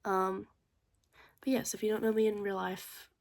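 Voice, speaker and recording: A woman's voice: medium pitch, little pitch movement, normal speed. A young Australian woman vlogging in a loose, rambling chat, her accent swinging between Australian and American. She sounds a little congested and fills her talk with "like", sometimes dropping into a whisper. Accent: mix of Australian and American. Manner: rambling, many "like" fillers, drops into whispers. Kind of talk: casual chat to camera.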